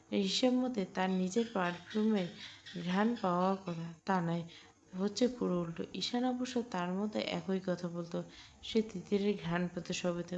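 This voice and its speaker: A woman tells a romantic audio story in a calm, even voice with a gravelly edge. The recording sounds dull and lo-fi. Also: lowish voice. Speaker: narrator.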